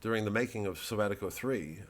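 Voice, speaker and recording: A middle-aged comedian promoting his work speaks fast in a lowish voice. His monologue is rambling and sardonic, swinging into loud, mocking asides.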